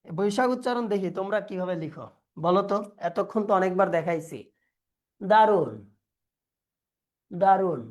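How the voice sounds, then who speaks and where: Male teacher, online class over video call, slow repeated word drills, quizzing students. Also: high voice, a little mellow. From Bangladesh. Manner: slowly drills word pronunciations, repeating words; quizzes students and reads their chat replies.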